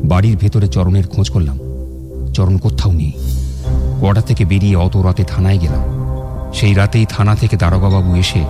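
A man's voice: low-pitched, fairly even intonation, fairly quick, long pauses, lightly acted. An actor playing a man recounting his own eerie tale, with suspenseful, dramatic radio narration. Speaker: storyteller narrator. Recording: background music under narration.

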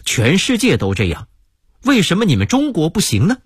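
A man's voice: on the high side, huge pitch swings, a little fast, husky, dry recording, studio quality, full character voice. A man voicing a puzzled American hotel guest who keeps pressing with questions. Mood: baffled, insistent.

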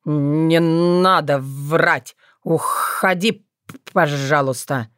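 A woman voicing a reserved young male fox who speaks slowly with a stammer in an audiobook. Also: low voice, a bit bright, no echo, studio quality, exaggerated voice. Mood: cold. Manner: slow, stammering, subdued. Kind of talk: audiobook character voice.

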